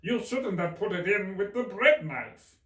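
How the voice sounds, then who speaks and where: Drawling, grumbling eccentric hatter. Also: male voice, sits high, expressive, pushed and bright, roomy sound, far from the mic, voice pushed up, full character voice. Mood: grumbling, irritated. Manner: slow, emphatic, grumbling. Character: grumbling, contrary, eccentric male Hatter in storybook.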